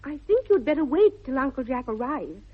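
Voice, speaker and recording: Husky and high, with big pitch swings and a brisk pace, this woman commits fully to the character voice of a sly, artless upper-class English girl. The role belongs to a precise, demure 1960s radio comedy, her teasing prim, and the old broadcast sounds muffled and band-limited.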